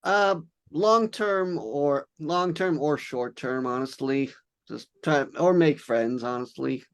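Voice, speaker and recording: Smooth, noncommittal man in his twenties. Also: fairly high pitch, slow pace. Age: 20s. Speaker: caller.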